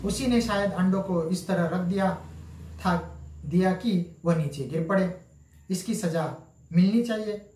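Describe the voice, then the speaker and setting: A man's voice: sits high, a little slow, a little mellow, a little hiss or hum. A male teacher explaining a story lesson, reading each line and repeating it in plainer words. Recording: echoey room.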